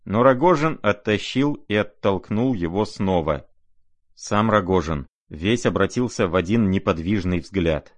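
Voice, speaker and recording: Deep-voiced man narrating a novel. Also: no room sound. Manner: measured, expressive reading. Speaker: audiobook narrator. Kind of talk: scripted literary narration.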